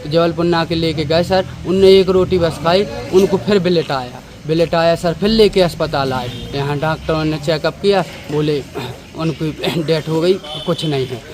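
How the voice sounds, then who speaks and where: A grieving man tells his story in a hurried, repetitive way, full of respectful "sir"s. His voice sits somewhat high. The noisy outdoor recording has traffic and street sound underneath. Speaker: bereaved son of the patient. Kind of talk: distressed eyewitness account to a reporter.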